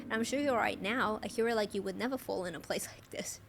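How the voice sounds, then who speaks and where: A woman's voice: medium pitch, fast talker, natural voice. Girl streamer doing a smarmy pale official guy, super polite, goes on and on, music playing under it. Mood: falsely concerned. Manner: formal, courteous, long-winded. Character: smooth-talking pale male official, evasive and flattering. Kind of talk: reading game dialogue aloud. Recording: game music in background.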